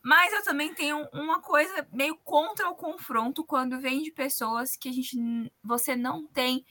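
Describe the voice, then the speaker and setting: A woman's voice: sits high, moderate pace, bright, forceful tone. A woman with a Brazilian Portuguese accent explaining things colloquially in a religious discussion.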